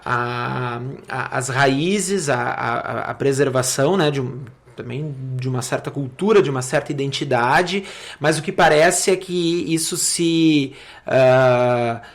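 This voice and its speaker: A city councillor with a southern Brazilian accent from Rio Grande do Sul appears as a podcast guest, explaining things conversationally at medium pitch. He speaks haltingly, repeats words, and often checks for agreement.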